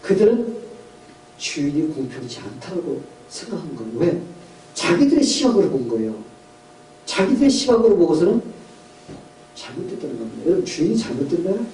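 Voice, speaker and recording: A male pastor delivers a sermon, retelling a parable and asking his listeners questions as he goes. His voice sits fairly high and mellow. He sounds a little distant from the mic in an echoey church hall, with faint room noise behind him. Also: very animated, fairly quick, pauses often. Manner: storytelling with questions to the congregation, voicing characters. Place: church sanctuary.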